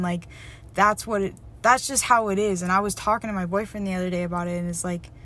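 A woman's voice: fairly low pitch, a bit bright, slight background noise. A young woman vlogging in a candid diary style, reflective and emotional, rambling with many fillers and self-corrections. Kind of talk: personal diary vlog.

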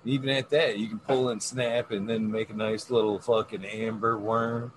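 A man's voice: lowish voice, little pitch movement, normal speed, a little hiss or hum, low-quality recording. A man chatting casually in a rambling, coarse, slangy way, swearing freely.

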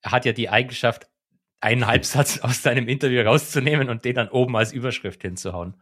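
A man co-hosting a casual podcast, giving relaxed opinions with a few stumbling restarts. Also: mid-range voice, fairly quick. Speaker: podcast co-host.

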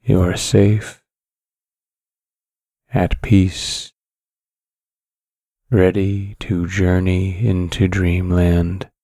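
A man narrating a guided sleep story in a calm, soothing, measured way, with long pauses between phrases. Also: deep voice, no room sound, clean studio sound.

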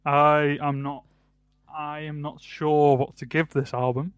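Podcast co-host: British man, early 20s, th-fronting to f, halting casual delivery, dry recording. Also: fairly high pitch, level tone, clean tone, no echo. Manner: th-fronting, says th as f; hesitant, self-correcting. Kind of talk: casual album review chat.

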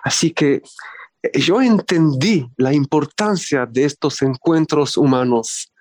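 A man's voice: a little high, lively intonation, slow pace, a little mellow, no room sound, studio quality. A man in his fifties from Israel, a diplomat answering interview questions with many fillers and restarts. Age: 50s. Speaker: diplomat guest.

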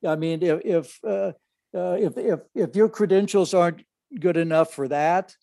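A man's voice: high voice, vocal fry, mellow, no room sound. Brief: older fatherly co-host, stop-start hesitant delivery, dry close recording. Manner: halting, many fillers and restarts. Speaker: podcast co-host, the other host's father. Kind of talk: casual chat.

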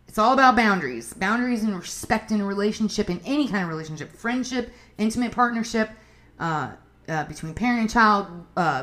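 A woman's voice: lowish voice, fairly bright tone. A woman hosting a casual advice podcast, talking frankly and chattily with swearing and asides. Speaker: podcast host. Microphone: livestream on phone.

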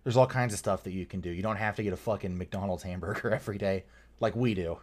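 A man's voice: low voice, fast talker, darkish tone. A man co-hosting a podcast, rambling in casual chat with lots of fillers and casual swearing. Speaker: podcast co-host.

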